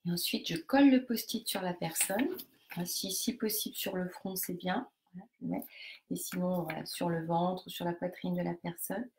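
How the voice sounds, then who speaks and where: A woman with a lowish voice and a gravelly, creaky edge coaches a group live. She walks the listeners through each step of a method, speaking straight to them. Her delivery is hesitant, full of fillers and restarts. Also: normal speed, a little hiss or hum. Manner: hesitant, many fillers and restarts while explaining; instructive, talks directly to participants.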